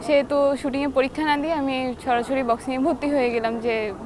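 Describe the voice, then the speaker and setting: A young woman speaks in a high, bright register. She tells stories in an animated, chatty way as a guest in an interview. Faint noise sits behind her voice. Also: fairly quick. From Bangladesh. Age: young adult. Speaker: guest, boxer. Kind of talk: casual interview chat.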